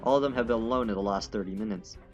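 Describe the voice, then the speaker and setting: Speaking very fast in a lowish voice, a man works through a visual novel's dialogue and narration for a let's play, stumbling over words and going back to correct them. The audio is dull, with game music playing underneath.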